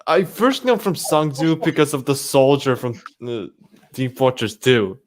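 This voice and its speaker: A man's voice: medium pitch, a little slow. A man co-hosting a podcast in casual chat, hesitant and full of fillers. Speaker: podcast co-host.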